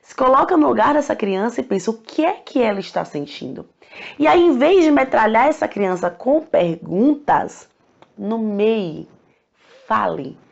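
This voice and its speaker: A woman with a Brazilian Portuguese accent giving lively, chatty parenting advice straight to the listener. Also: a little high, a little slow, creaky. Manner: lively, chatty, acts out questions in a raised voice. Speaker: parenting educator. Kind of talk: casual advice talk to camera. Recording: dull lo-fi recording.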